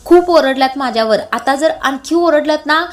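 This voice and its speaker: A woman voicing a defiant, sharp-tongued young wife who talks back, in a retold serial scene. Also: sits high, moderate pace, close to an everyday voice. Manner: retorting.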